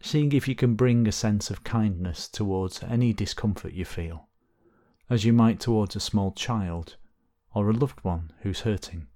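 Leading a guided body scan, a man speaks in a fairly low voice, his gentle instructions delivered slowly with long pauses between each phrase.

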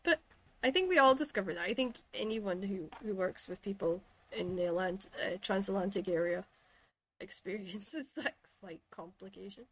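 A woman's voice: mid-range voice, normal speed, a bit bright, low-quality recording. A woman from Shetland with an American-influenced accent, chatting casually and telling stories through quoted exchanges. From Shetland, Scotland. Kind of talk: casual chat.

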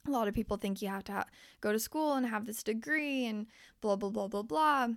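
A young woman who hosts a podcast and works as a life coach is losing her voice, which sits on the high side with vocal fry and a slightly fast pace. The sound is clean studio quality with no echo. Speaking straight to her listeners in a casual motivational monologue, she's candid and swears freely.

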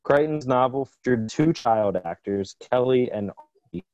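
A man's voice: medium pitch, animated, measured pace, a little mellow, no room sound. A man chatting casually on a podcast, his voice breaking up and cutting out over a bad remote connection. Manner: joking, rambling, many fillers and restarts. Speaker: podcast co-host discussing a film. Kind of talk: casual chat. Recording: dull dry lo-fi call audio.

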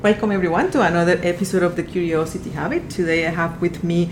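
A woman's voice: fast talker, soft background music. A woman hosting an interview podcast, asking curious questions. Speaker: podcast host. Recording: echoey room with faint rumble.

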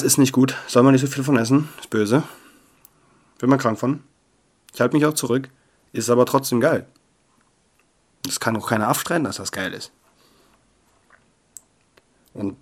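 A young man hosting a casual podcast, chatty and playful, swinging between loud bursts and low murmurs on a close, sensitive mic. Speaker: podcast host. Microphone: sensitive close mic that picks up paper rustle.

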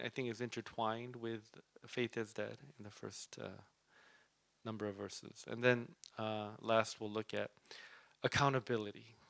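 A man's voice: lowish voice, vocal fry, a bit bright, no echo. A man preaching a Bible lesson in a conversational way, often checking in with "right?". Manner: conversational, often asks "right?", uses fillers. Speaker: preacher teaching a Bible study. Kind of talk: sermon.

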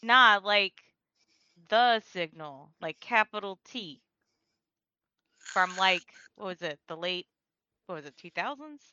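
A woman's voice: mid-range voice, lively intonation, measured pace, pauses often, pushed and bright, clear, resonant tone, dry recording, highs cut off. A woman voicing a careless, flippant young woman who talks in a breezy, offhand way.

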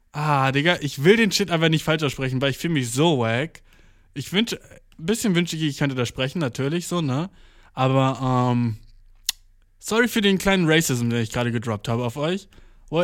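A man's voice: fairly high pitch, no echo, clean studio sound. A young man in a casual monologue, talking slangy and swearing a lot, with English words mixed in. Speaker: vlogger.

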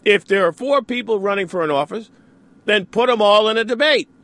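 A man's voice: high voice, brisk, fairly bright tone, no echo. A man hosting a radio talk show, delivering an opinionated monologue with sarcastic asides. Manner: sarcastic, mocks opponents in mimicking asides.

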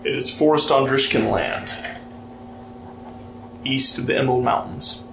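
A man narrating as game master of a tabletop game, relaxed and storytelling, reading lore aloud with fillers. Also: medium pitch, unhurried, vocal fry, background noise. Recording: roomy sound with music behind.

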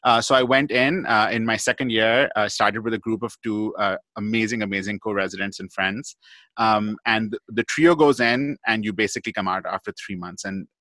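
A man's voice: fairly low pitch, moderate pace, sharp tone, dry recording. A man, a guest pathologist, telling a long story in a podcast interview, chatty and full of "like" and "you know".

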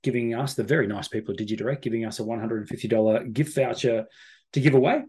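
Australian man hosting, mid-pitched voice. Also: quick pace, a little mellow. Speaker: host. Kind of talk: casual chat on a video show.

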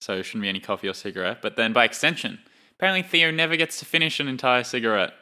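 A young man co-hosting a film podcast, talking in a relaxed, chatty way and laughing now and then. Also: medium pitch, racing, clean tone. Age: young adult. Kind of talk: casual chat.

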